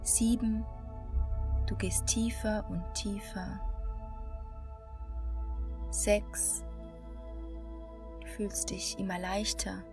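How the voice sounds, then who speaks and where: A woman guiding a meditation in a slow, calm, soothing hypnotist-like manner, with long pauses between short phrases. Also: mid-range voice. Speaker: meditation guide. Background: new-age music.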